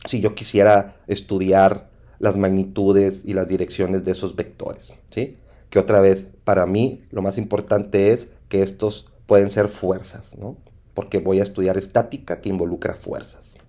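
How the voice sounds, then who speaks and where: A man with a Mexican accent teaching an engineering lesson over slides, often pausing with "¿sí?" to check understanding. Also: low-pitched, level tone, dark tone. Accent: Mexican Spanish. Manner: repetitive, asks "¿sí?" to check understanding. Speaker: engineering instructor.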